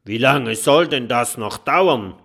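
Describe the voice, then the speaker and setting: A man voicing a fat, grim male robber in a children's storybook, loud, gruff and growling. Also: mid-range voice, sing-song, slow, exaggerated voice. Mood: angry.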